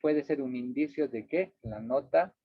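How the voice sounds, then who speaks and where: A man's voice: medium pitch, unhurried, dry recording. Tinny-sounding man teaching a workshop. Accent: Bolivian Spanish. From Bolivia. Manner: explanatory, checks in often with "¿ya?" and "¿no?". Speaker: workshop instructor. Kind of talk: lecturing over slides. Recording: dry, tinny phone-like sound.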